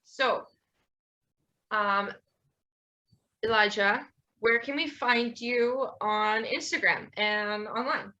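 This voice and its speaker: Bright-voiced young woman hosting a chat. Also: a little high, slow, long pauses, highs cut off. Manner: rambling, laughs often, warm praise. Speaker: podcast host. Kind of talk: casual interview chat.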